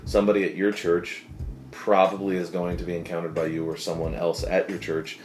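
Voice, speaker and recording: A man's voice: low-pitched, flat delivery, brisk, darkish tone, reverberant. A man hosting a podcast, talking casually and jokily with lots of "like" and "uh". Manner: chatty, jokey, many fillers like "like" and "uh". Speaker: podcast host. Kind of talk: casual interview chat.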